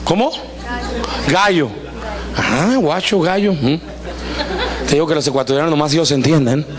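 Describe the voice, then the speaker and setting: A pastor delivers a live sermon in church, pitched notably high for a man. He preaches in an animated, joking way, acting out little voices. He keeps turning to the congregation with questions. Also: moderate pace, a crowd in the background. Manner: asks the congregation questions often. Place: church service before a congregation.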